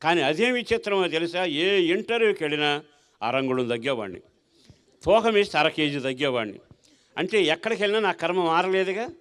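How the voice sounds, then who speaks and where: A male pastor telling his life story in a sermon, asking rhetorical questions and swinging between strong and soft feeling. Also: on the high side, expressive, fairly quick. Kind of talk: sermon testimony.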